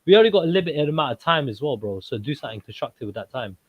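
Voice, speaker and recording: Fast-talking man, slangy and emphatic. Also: mid-range voice, very animated, husky, no room sound. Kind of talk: casual chat, slangy panel debate. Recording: muffled lo-fi audio.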